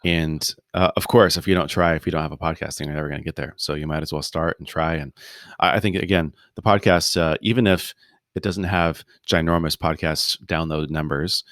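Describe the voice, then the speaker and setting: A deep-voiced man speaks as a podcast guest, unhurried and loose, with plenty of fillers and self-corrections. His voice sits dry and close to the mic, with no room around it. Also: dry recording. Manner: relaxed, rambling, many fillers and restarts. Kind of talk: casual interview conversation. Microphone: video call.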